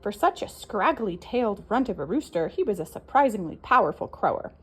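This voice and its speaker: Animated woman reading a storybook. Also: fairly quick, husky. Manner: expressive, with wide swings in pitch. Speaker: storybook reader. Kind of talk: reading a children's picture book aloud.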